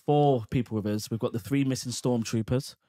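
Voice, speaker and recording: Male podcast host, medium pitch, friendly and chatty, leans on fillers. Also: steady tone, a little fast, dark tone. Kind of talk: casual chat.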